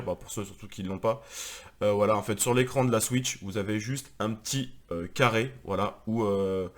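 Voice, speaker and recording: A man, married with a daughter, chatting casually and rambling with many fillers as he presents his video game collection. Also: on the low side. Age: adult, married with a daughter.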